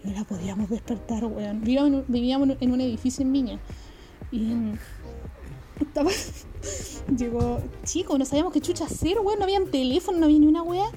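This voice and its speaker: High-voiced Chilean woman telling stories. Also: a little fast, warm tone, faint music behind. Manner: slangy, swears often, laughs through stories. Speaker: storyteller. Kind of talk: casual anecdote telling.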